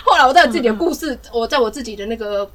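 Quick, high-voiced young woman storyteller. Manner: animated, laughing storyteller. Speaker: podcast co-host. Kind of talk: casual storytelling chat.

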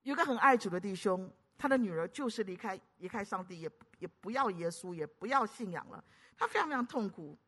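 Bright-voiced woman preaching with dramatic swings. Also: medium pitch, lively intonation, a little fast, slightly rough. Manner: dramatic, swings between loud urgent appeals and hushed storytelling. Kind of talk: sermon.

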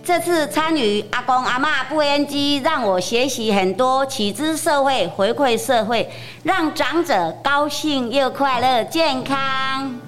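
A woman's voice: high voice, measured pace, hardly any pauses, a bit bright, faint music behind. An older woman, a volunteer guide, speaking earnestly.

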